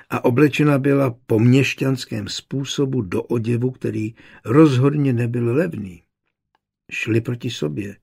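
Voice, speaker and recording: Gravelly, husky male audiobook narrator. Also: mid-range voice, darkish tone. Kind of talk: scripted novel narration.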